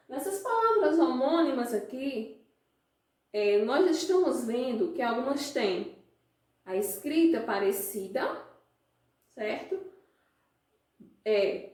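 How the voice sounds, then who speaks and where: A Brazilian woman teaches a class at an unhurried pace, her fairly high voice checking in with the students again and again. She sounds some way off from the mic, and the room around her is very echoey. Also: a little mellow, recorded from a distance. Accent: Brazilian Portuguese. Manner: explains slowly, asks the class frequent check questions. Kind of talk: classroom lesson.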